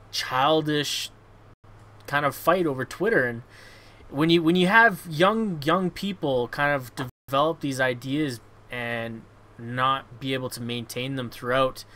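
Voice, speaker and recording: A man's voice: medium pitch, sharp tone. A man hosting a casual gaming podcast, blunt and sweary, often repeating words as he goes. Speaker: show host.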